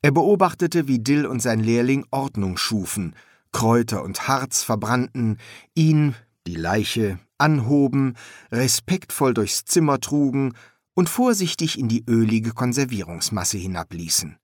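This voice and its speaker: A man reading an audiobook in a measured, expressive way. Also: mid-range voice, no room sound, clean studio sound. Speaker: narrator. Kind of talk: audiobook narration.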